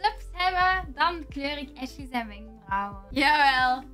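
A woman's voice: sits high, animated, unhurried, bright, forceful tone, faint music behind. A woman chatting and teasing on a live stream, giggly.

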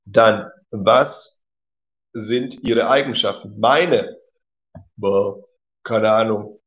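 A man's voice: fairly low pitch, drawn-out words, a bit bright. A man teaching German in a casual livestream, reading out viewer comments, correcting them and laughing easily. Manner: chatty, reads out and corrects comments, laughs often. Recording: slightly dull lo-fi audio.

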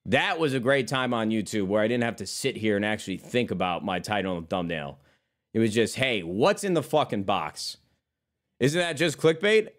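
This streamer, a man in his thirties, talks a little fast in a fairly low voice with lively intonation. His casual chat hops between topics, peppered with swearing and repeated calls of brother to his viewers.

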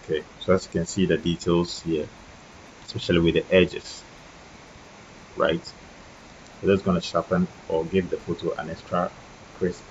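A man with a husky voice and a very low, gravelly tone talks through a software tutorial, tired and unhurried. The recording is dull and lo-fi, with a faint hiss behind him. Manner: relaxed, many ums and restarts. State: tired late at night. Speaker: photo editing tutor. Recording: dull lo-fi mic with faint noise.

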